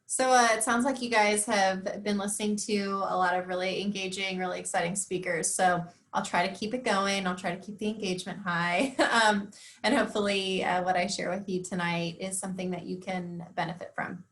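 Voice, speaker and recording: A woman's voice: medium pitch, fairly even intonation, brisk, a bit bright. Young woman presenting over a video call. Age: young adult. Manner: friendly, conversational, with frequent ums. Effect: heard over a video call. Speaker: guest speaker. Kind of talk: informal presentation. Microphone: computer or headset mic on a video call.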